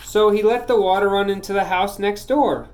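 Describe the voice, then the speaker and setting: A man reads a children's storybook aloud at a steady, measured pace. His voice sits a little high for a man, and he slows down to land the end of each tale. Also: a little hiss or hum. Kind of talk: reading a children's book aloud.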